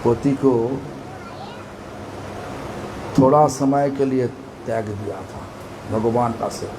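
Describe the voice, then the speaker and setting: A man's voice: medium pitch, slow, noisy background. A man giving a devotional storytelling sermon as a spiritual teacher. He repeats phrases for emphasis and asks his listeners questions.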